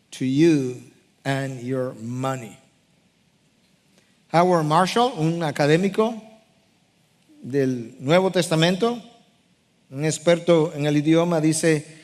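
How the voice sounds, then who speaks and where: Middle-aged male pastor, fairly high voice, emphatic sermon delivery, long hall echo. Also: darkish tone. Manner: emphatic preaching, repeats phrases for stress.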